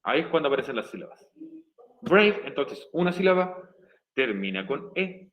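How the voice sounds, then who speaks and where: A man's voice: on the high side, big pitch swings, normal speed, lo-fi sound. A male English teacher, patiently explaining grammar step by step in a recorded online class. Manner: patient, repeats and spells out each step.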